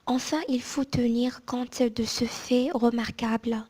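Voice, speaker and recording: A woman reading aloud from a book in a soft, hushed ASMR whisper, like in a library, mostly unvoiced, with careful phrasing and small pauses. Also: fairly high pitch, flat delivery, husky.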